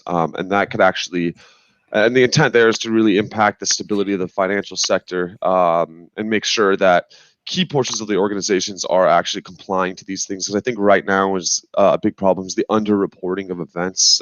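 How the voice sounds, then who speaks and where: A man on a discussion panel, explaining analytically in halting, measured phrases, on slightly muffled audio. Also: sits low, dry recording. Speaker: podcast panelist.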